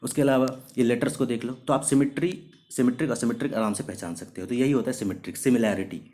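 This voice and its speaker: A man's voice: mid-range voice, darkish tone. A man teaching English vocabulary in a recorded video lesson. He explains each word step by step, asks questions and answers them himself, and mixes English terms into his Hindi explanations. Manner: slows down sharply to read out example sentences.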